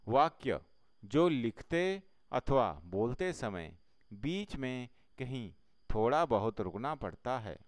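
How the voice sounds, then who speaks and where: A man teaching a Hindi grammar lesson, explaining slowly step by step with pauses. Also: medium pitch, dry recording.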